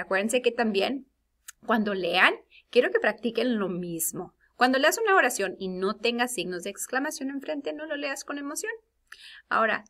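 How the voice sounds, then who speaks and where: A woman's voice: medium pitch, bright, forceful tone. A woman teacher talking students through a lesson and acting out example sentences with big, exclaimed readings. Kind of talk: recorded classroom lesson.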